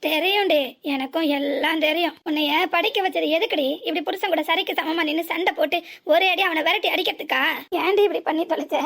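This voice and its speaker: A woman voicing a furious middle-aged village mother who berates and laments at her daughter in a cartoon serial. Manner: shrill, berating, lamenting scolding.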